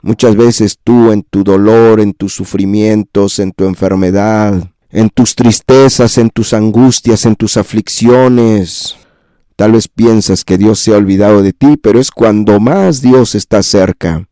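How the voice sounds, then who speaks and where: Male pastor, sermon delivery, slow and dry-sounding, repetitive rising appeals to the flock. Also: fairly low pitch, fairly even intonation, dark tone, dry recording. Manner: repetitive lists rising into impassioned pleas; addresses listeners directly as brother and sister.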